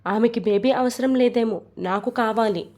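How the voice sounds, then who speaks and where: A woman's voice: a little high, moderate pace, darkish tone, close to an everyday voice. A woman reading as a stubborn young husband. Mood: insistent. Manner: insistent, firm.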